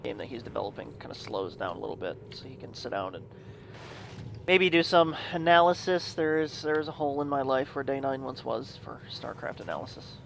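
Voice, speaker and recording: A man with a gravelly, fry-laden voice co-casts a live esports match, enthusiastic and quick to laugh. His pitch sits in a middle range, and faint ambience hums behind him. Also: expressive, noisy background. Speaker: esports co-caster. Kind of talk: live game commentary.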